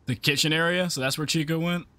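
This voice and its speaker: A man's voice: on the high side, fairly even intonation, quick pace, bright, forceful tone, no echo. A young man hosting a reaction video in a gaming room on a headset, talking casually and exclaiming and swearing at jump scares.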